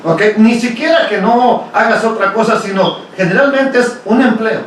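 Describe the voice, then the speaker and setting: A man's voice: high voice, expressive, normal speed. A man gives a conversational Bible study lecture to his congregation, often posing rhetorical questions and checking in with "ok?". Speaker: congregation teacher. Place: congregation meeting hall. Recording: very echoey hall from far off, faint hiss.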